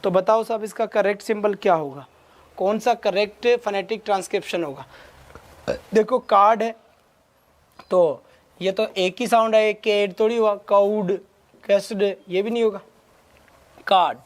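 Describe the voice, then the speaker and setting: Brisk male teacher urging students on. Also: sits high. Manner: rapid Hindi-English mix, urges students with quick questions. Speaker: exam-prep English teacher. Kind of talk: online class lecture.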